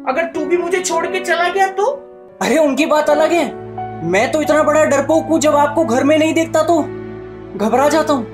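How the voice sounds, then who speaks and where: A man's voice: very high voice, normal speed, music in the background. Sarcastic young man in a comic sketch. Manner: exasperated, sarcastic comic delivery. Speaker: comedian playing the son.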